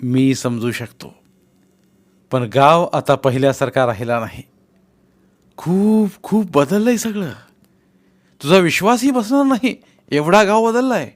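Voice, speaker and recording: A man's voice: a little high, lively intonation, measured pace, pauses often, pitched above the performer's own voice. A man voicing a shrewd, persuasive male village politician who keeps pressing and teasing his friend in a read-aloud novel. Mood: coaxing, persuasive.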